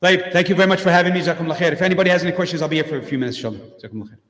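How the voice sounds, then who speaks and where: A man's voice: on the high side, rapid-fire, a bit bright. A middle-aged man giving a direct, plainspoken talk as a guest speaker at a mosque, with frequent fillers and restarts. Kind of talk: informal community talk with Q&A. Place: mosque hall. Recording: echoey hall with long reverb.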